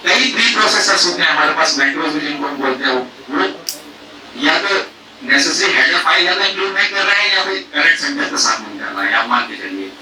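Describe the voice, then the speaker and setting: A professor teaching a faculty workshop talks fast in a fairly high, expressive, sharp-toned voice, recorded from a distance in an echoey room with a little hiss or hum on a rough recording. His lecture on programming errors features rhetorical questions and homely food analogies, with English technical phrases woven into Hindi.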